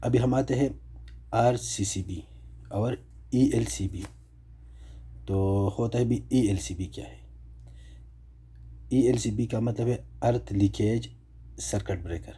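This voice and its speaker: A man's voice: mid-range voice, long pauses, dark tone, slightly rough. A man explaining electrical breakers step by step, asking and answering his own questions. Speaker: electrical tutorial presenter.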